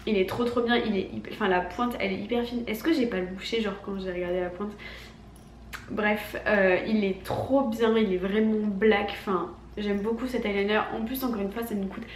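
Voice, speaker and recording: A woman's voice: medium pitch, fairly even intonation, brisk. A young woman with an accent from France chats casually and emphatically about her shopping, her voice honking and nasal like a duck from a cold. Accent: French from France. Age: young adult. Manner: informal, filler-heavy, emphatic. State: congested, sick with a cold. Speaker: beauty vlogger. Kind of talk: casual chatty product haul. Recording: echoey room, faint background noise.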